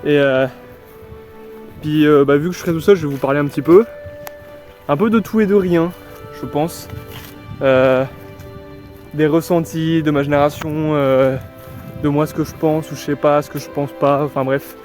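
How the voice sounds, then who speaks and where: A man's voice: fairly high pitch, moderate pace, long pauses, darkish tone, faint music behind. A young man vlogging casually as he walks through a forest, rambling in a chatty, upbeat way. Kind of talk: casual walking vlog. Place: outdoors in a forest.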